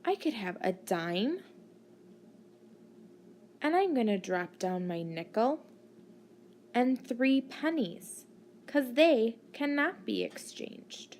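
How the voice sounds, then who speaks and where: A woman teacher narrating a maths lesson for children, deliberately teaching a child to count and putting questions to the listener. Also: fairly high pitch, big pitch swings, a little mellow, slight background noise. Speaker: primary school maths teacher.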